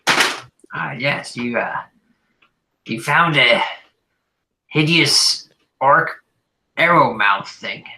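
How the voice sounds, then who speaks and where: A pompous, plump male mayor with a nasal, whiny voice, talking down to adventurers in a tabletop game, as a game master puts him on. The tone is bright and forceful. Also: medium pitch, expressive, drawn-out words, gravelly, pauses often, distant mic, a little hiss or hum, exaggerated voice, poor audio. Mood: haughty. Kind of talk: game master voicing a character.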